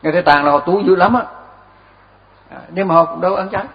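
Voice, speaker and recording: Older male monk, slightly high voice, easygoing dharma talk with chuckles, dull lo-fi recording. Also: fast, vocal fry. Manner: relaxed storytelling with chuckles and repeated words. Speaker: Buddhist monk teacher.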